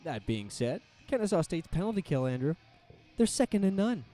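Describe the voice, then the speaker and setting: Joking young hockey color commentator. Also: male voice, big pitch swings, normal speed, mellow, faint music behind. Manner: playful, drops his voice low for asides.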